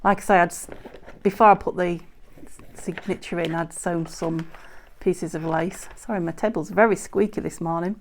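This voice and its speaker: A British woman with a slightly croaky, lowish voice hosts a craft channel, chatting and rambling a bit at a craft table indoors as she shows her work in a casual tutorial. Her intonation is fairly even and her pace moderate with few pauses, and she self-corrects with frequent ums. An overhead camera shows only her hands on the table, with a little hiss or hum.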